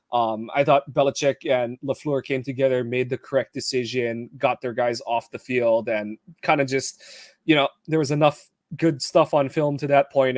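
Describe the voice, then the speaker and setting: A man's voice: mid-range voice, dry recording, clean studio sound. A man from Hawaii co-hosting a football podcast, chatting casually with frequent fillers and laughs. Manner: relaxed, laughs often, many fillers. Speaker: podcast co-host. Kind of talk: casual sports podcast chat.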